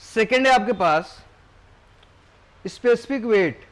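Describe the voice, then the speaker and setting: एक पुरुष शिक्षक इंजीनियरिंग परीक्षा की कक्षा में व्याख्यान दे रहा है। वह अक्सर कक्षा से सवाल पूछता है और खुद ही जवाब देता है। वह मुख्य शब्दों को बार-बार दोहराता है।. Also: male voice, high voice, expressive, slow. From India. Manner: asks the class questions and answers them himself; keeps repeating key terms. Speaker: engineering exam tutor. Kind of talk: classroom lecture.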